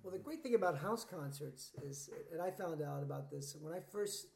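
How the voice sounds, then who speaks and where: A man's voice: a little high, expressive, moderate pace, gravelly, darkish tone, echoey room, slight background noise. A man, a singer-songwriter guest, chatting casually in an interview with a rambling, laid-back way of talking. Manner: laid-back, rambling storyteller with many fillers.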